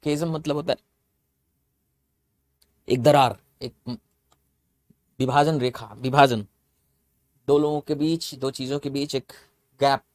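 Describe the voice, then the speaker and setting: A man's voice: mid-range voice, steady tone, takes it slowly, pauses often. A man teaching English vocabulary in a lecture, explaining step by step, spelling words out letter by letter and repeating them. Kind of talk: classroom lecture.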